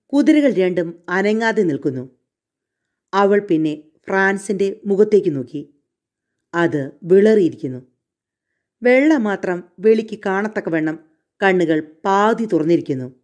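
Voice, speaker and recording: A woman narrating a suspense story in a measured, dramatic reading. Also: mid-range voice, darkish tone.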